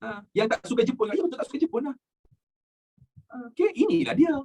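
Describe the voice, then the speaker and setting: A man's voice: very high voice, expressive, fairly quick, dark tone, slightly rough, poor audio. A young Malaysian man teaching a live online history class, jokey and repeating his key points, mixing in English phrases.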